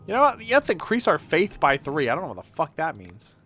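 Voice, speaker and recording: Slightly high and sharp, with huge pitch swings and a somewhat fast delivery, a man rambles and swears casually while streaming games. Soft music runs underneath.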